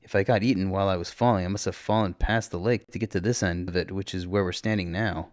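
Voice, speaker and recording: A man narrating a story in the first person, expressive, with his voice jumping up on exclamations. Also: sits low, quick pace, no echo, studio quality.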